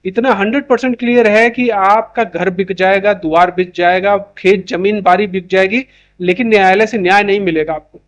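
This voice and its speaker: A man's voice: high voice, fairly even intonation, moderate pace. A man giving an opinion monologue to camera, insistent and full of rhetorical questions. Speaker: YouTube commentator.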